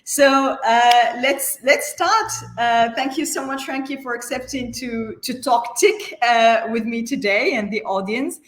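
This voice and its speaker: A woman's voice: a little high, a little slow, few pauses. Hesitant woman host in an echoey room. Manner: hesitant, many "uh" fillers. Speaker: interview host. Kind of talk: business interview hosting.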